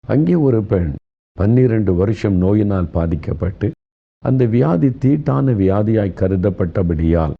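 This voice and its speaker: A man's voice: fairly low pitch, lo-fi sound. A man with a Tamil accent preaching an earnest, consoling sermon as a pastor.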